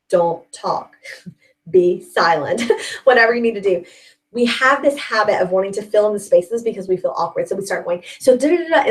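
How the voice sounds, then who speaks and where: A woman's voice: medium pitch, poor audio. A young woman coaching a sales team in a chatty, upbeat way, often checking in with "okay?". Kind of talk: sales training talk.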